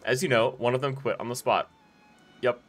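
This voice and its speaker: Male game streamer, mid-pitched, easygoing and rambling, faint game music underneath. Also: fairly even intonation, moderate pace, fairly bright tone. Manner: laid-back, rambling, many fillers and restarts. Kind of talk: casual live-stream chat while playing.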